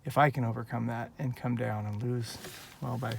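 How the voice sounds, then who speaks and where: This casual personal vlog features a Northern California man in his late forties, talking directly into a handheld phone with earnest, heartfelt, wandering thoughts. He speaks at normal speed with fairly even intonation, his ordinary mid-pitched voice thick with gravel and fry. A faint background hiss runs beneath it.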